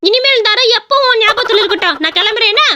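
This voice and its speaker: A woman voicing an angry young village woman who scolds her suitor in a sharp, shrill cartoon voice. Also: very fast. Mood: stern. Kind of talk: cartoon voice acting.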